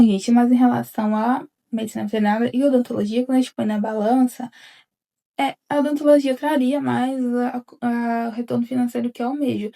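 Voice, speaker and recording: A woman's voice: on the high side, gravelly, mellow. A young woman in her twenties, a new dentist, talking in a casual confessional vlog, rambling and often addressing viewers directly. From Bahia interior, Brazil. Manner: rambling, repeats "gente" often, frequent restarts. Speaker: vlogger, newly graduated dentist.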